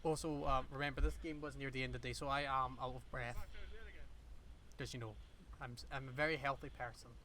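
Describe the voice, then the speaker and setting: A man's voice: medium pitch, level tone, brisk, sharp tone. A man giving casual, rambling voice-over commentary on his own game footage, with self-deprecating asides. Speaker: airsoft player narrating his own footage.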